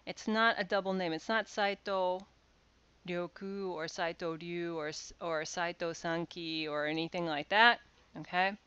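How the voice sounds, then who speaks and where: A woman's voice: lowish voice, fairly even intonation, a little slow, fairly bright tone, smooth, muffled recording. A woman lecturer giving a recorded university course lecture over slides, explaining step by step with frequent "uh"s and restarts.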